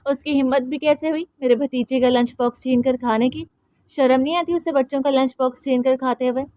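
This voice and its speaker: A woman voicing a doting young uncle who speaks gently and coaxingly to his nephew. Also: high voice, fairly even intonation, fairly quick, dry recording, muffled recording, natural voice. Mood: protective.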